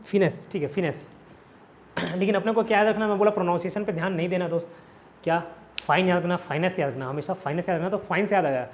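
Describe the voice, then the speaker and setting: A man's voice: high voice, rapid-fire, muffled recording, slight background noise. A man from India teaching a casual vocabulary lesson in a classroom, explaining each word with repeated rhetorical questions.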